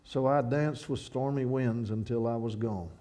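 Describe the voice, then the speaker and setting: A guest speaker from Kentucky, USA, preaches in a church with a mellow, mid-range voice. His sermon starts with halting restarts and then moves into a rhythmic, poetic reading of a poem.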